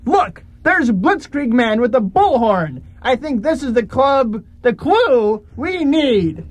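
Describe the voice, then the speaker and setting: Comedy audio lead: decisive, melodramatic hero with a high voice played by a woman. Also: big pitch swings, takes it slowly, darkish tone, exaggerated voice. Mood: determined. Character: earnest, decisive crime-fighting hero.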